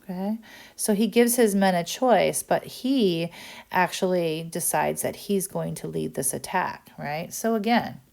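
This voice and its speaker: A woman teacher explaining a text in a recorded lesson, often pausing with "um" and checking in with "right?". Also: lowish voice, gravelly, a little mellow.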